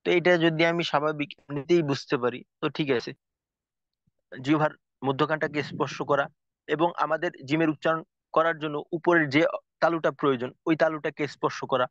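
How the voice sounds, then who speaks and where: A man teaching a tajweed lesson, explaining slowly and carefully with frequent pauses and fillers. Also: a little high, steady tone, a bit bright, no room sound. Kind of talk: recorded lesson lecture. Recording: dull lo-fi recording, dry.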